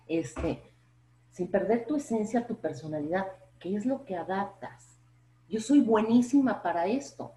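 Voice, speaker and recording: A woman professor with a Mexican accent, a podcast guest explaining public speaking in an expressive way, full of rhetorical questions. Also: medium pitch, roomy sound, poor audio. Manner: expressive, plays up intonation, asks rhetorical questions.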